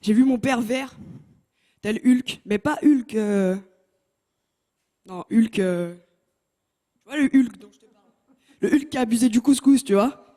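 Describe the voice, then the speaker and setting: With a high-leaning voice, a slightly slow pace, and long pauses, a young woman performs stand-up as a contestant on a TV talent show stage. Using a handheld mic, she stays lively and teases the audience.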